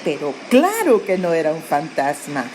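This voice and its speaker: Lively woman telling a children's Bible story. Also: low-pitched, normal speed, slight background noise. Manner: animated storytelling, addresses children with questions.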